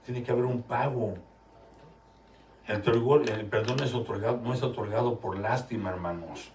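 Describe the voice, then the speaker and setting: A man's voice: mid-range voice, moderate pace, a little mellow, slight background noise. A male pastor delivers an emphatic sermon from a live church service. He keeps calling out questions to the congregation. The microphone sits some distance away in a roomy, echoing space with faint ambience behind him.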